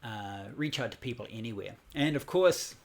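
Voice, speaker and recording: In a casual livestreamed Buddhism class, a fortyish New Zealand man drifts through his teaching with plenty of fillers and restarts. He speaks in a mid-range voice at a moderate pace, captured by computer or phone.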